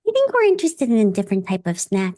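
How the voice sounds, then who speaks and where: Woman voicing a vampire girl, quick, very lively, light and offhand, dry close sound. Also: medium pitch, no echo. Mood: sly. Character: vampire girl posing as a family's child.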